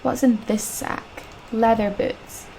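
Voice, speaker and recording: A woman's voice: fairly high pitch, little pitch movement, takes it slowly, gravelly, mellow, slight background noise. A woman with a British accent giving chatty, jokey commentary while she plays a video game, swearing casually as she goes. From United Kingdom. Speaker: gaming channel host. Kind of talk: casual let's-play commentary.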